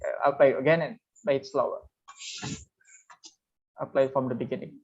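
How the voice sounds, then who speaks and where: An English teacher runs an online webinar demo in a casual, chatty way, full of fillers. The voice sits at a middle pitch. The audio is dull and lo-fi, like a typical webinar call. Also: fairly even intonation, normal speed, darkish tone. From Indonesia.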